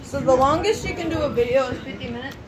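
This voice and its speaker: A woman's voice: high-pitched, fast talker, crowd noise, low-quality recording. A young woman chatting and teasing playfully with her cousins in a bedroom at home. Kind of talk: casual chat with family.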